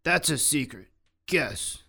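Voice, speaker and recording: A man voicing a big, teasing bear in a children's story, speaking slowly and low in a teasing way. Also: lively intonation, gravelly, sharp tone, a little hiss or hum, heavily acted. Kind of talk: children's English-lesson story.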